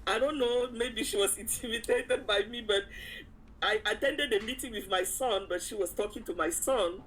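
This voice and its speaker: A woman's voice: a little high, normal speed, slight background noise, rough recording. Storytelling woman, a chatty interview guest. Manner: animated retelling with acted-out quotes and frequent chuckles. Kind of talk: casual personal storytelling.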